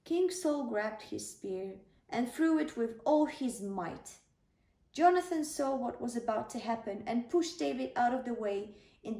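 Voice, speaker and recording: A woman with a slightly high, mellow voice reads a children's bedtime story aloud as a storyteller. The recording sounds roomy, with the microphone slightly distant.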